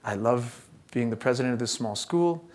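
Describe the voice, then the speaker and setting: A middle-aged man giving a relaxed, humorous keynote talk at a church event, telling stories with frequent fillers. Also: medium pitch, normal speed. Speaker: keynote speaker. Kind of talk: conversational keynote talk with storytelling.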